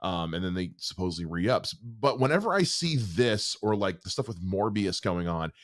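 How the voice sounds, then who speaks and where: A man hosting a trailer reaction show, ranting in exasperated, animated commentary. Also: low voice, normal speed. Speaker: host.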